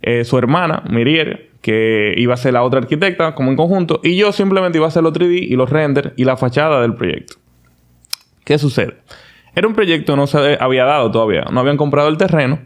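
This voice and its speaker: A man, a podcast guest telling his story in a casual, animated, confident way with frequent restarts. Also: fairly high pitch, fairly quick.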